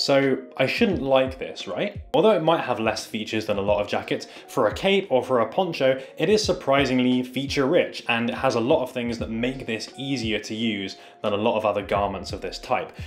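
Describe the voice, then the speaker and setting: Chatty man reviewing gear. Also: mid-range voice. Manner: chatty, upbeat, speaks straight to viewers. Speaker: fashion reviewer. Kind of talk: casual product review vlog.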